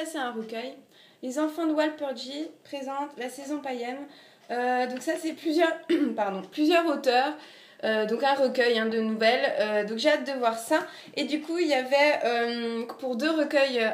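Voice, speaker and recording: A young woman with an Alsatian French accent, chatting casually through a book haul vlog with lots of fillers and self-mocking asides. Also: high voice. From Alsace, France. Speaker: book vlogger. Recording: echoey room.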